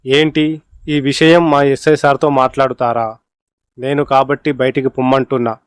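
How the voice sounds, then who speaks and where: A man's voice: mid-range voice, level tone, moderate pace, clean tone, no echo, studio quality, lightly acted. A man voicing an irritable, mocking police constable in a storybook reading. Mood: scornful. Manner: scornful, dismissive.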